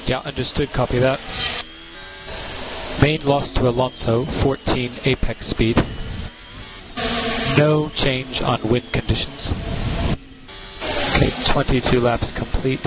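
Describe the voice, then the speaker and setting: A male race engineer speaks over team radio in short, clipped instructions. His delivery is calm and encouraging, at a medium pitch, with music playing behind. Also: slow, long pauses, rough recording. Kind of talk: terse radio instructions to driver.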